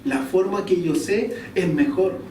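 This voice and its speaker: Male preacher, mellow tone, storytelling sermon, distant mic with faint room noise. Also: sits high, measured pace, echoey room. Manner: storytelling, asks the congregation questions. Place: church hall.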